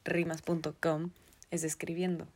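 A woman's voice: deep voice, flat delivery, a little slow, a little mellow, slightly rough. A young woman co-hosting a podcast, speaking to her listeners directly and giving them advice in a casual way. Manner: gives advice straight to listeners. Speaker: podcast co-host. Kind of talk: casual chat.

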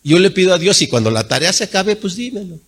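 Man, pastor, sermon, husky voice, fairly high pitch, lively swings from loud to hushed. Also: quick pace. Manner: animated preaching, swinging from loud emphatic peaks to low quiet asides.

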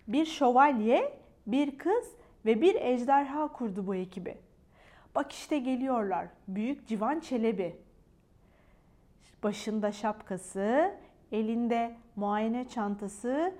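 A woman reads a children's story aloud with an expressive storyteller manner. Her voice sits high and swings lively, and she takes her time over each phrase. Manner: animated, expressive.

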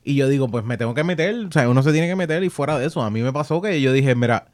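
A young man hosting a podcast in casual chat, telling stories with lively, slangy speech and easy swearing. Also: medium pitch, quick pace, dry recording. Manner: animated storyteller, slangy and swearing freely. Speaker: podcast host.

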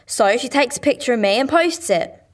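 A woman's voice: on the high side, expressive, moderate pace, lightly acted. A woman playing a sarcastic teenage sleuth. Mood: reasoning. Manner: sarcastic, offhand. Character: sharp-tongued teenage girl sleuth, sulky. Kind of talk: radio drama acting.

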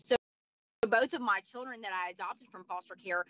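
A woman in her forties, a motivational speaker appearing as an interview guest, chats casually while losing her voice, using many fillers and restarts. Her voice is medium-pitched with a sharp tone and a moderate pace. The recording is dry, with dull lo-fi sound.

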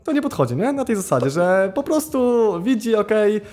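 A man's voice: high-pitched, big pitch swings, normal speed, a little mellow. A young man talking casually as a podcast guest, hesitant, with many fillers and restarts. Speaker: YouTuber and streamer, podcast guest. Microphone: podcast studio mic.

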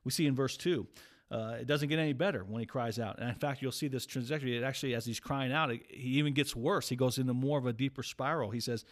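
A man's voice: mid-range voice, fast. Earnest man teaching scripture casually. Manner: earnest, conversational, many restarts. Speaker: pastor or Bible teacher. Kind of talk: casual Bible study chat.

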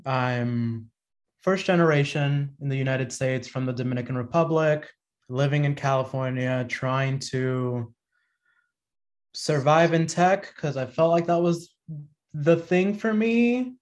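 A man's voice: mid-range voice, unhurried. A man in his thirties, a podcast guest, talking in a reflective, rambling way full of fillers and restarts. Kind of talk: casual conversation.

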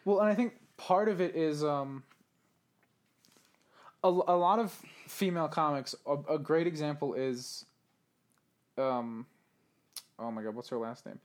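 A man with a slightly high voice chats loosely about stand-up comedy. He rambles, swears freely and slips into quick voices when retelling jokes. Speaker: co-host. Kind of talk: casual chat about comedians.

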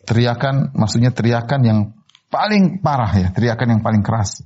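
A man giving a sermon on Quran verses, explaining Arabic word forms slowly with many repetitions and rising sharply in pitch to stress a point. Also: a little mellow, husky. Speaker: Islamic preacher. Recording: slightly dull, muffled recording.

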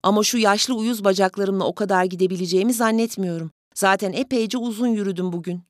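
A woman voicing a small, polite elderly gentleman who pleads with fussy, over-courteous manners in an audiobook story. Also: medium pitch, fast talker, dry recording, clean studio sound, close to an everyday voice. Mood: courteous pleading.

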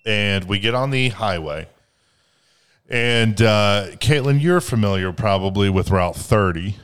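A man in his mid-twenties with a slightly low voice, talking casually on a podcast. He tells the story in a loose, rambling way and swears freely, and the story comes across as lively. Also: measured pace, clean tone. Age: 20s. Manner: profane, rambling, animated retelling. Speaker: podcast co-host.

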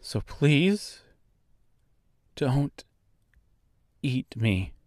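A man's voice: medium pitch, animated, extremely slow, dry recording, clean studio sound. A man voicing Dorothy, a wary, determined young woman who calls out urgently or pleads nervously. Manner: raised, urgent calling.

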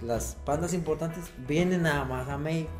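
Slangy Mexican man over clear music. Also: a little high, moderate pace. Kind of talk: casual banter among friends, telling anecdotes. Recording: music behind the voice.

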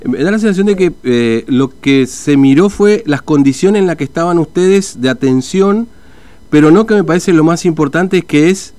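A man's voice: on the high side, normal speed, darkish tone, dry recording. A man conducting a conversational interview, hesitant with many fillers and restarts. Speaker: radio interviewer.

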